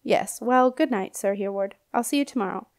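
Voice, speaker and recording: A woman voicing a girl princess about to turn fourteen, speaking politely and quietly. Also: mid-range voice, a little fast, no echo, clean studio sound, close to an everyday voice. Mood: amused. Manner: subdued, polite.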